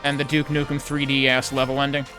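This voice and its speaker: A man's voice: medium pitch, monotone, fast. A man giving casual gameplay commentary, thinking aloud in a critical, analytical way. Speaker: video game player and commentator. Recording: game music behind the voice.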